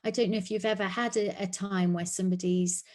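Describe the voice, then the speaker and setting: A woman with a British accent presenting an online webinar, speaking in an earnest, reassuring way and modeling gentle phrases to say to children. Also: medium pitch, steady tone, brisk. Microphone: video call.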